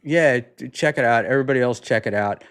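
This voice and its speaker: A man hosting a relaxed chat show, talking in a loose, halting way. His voice sits at an ordinary middle pitch. He trails off, restarts his sentences and leans on fillers as he goes. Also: clear, resonant tone. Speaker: podcast host. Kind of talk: casual chat.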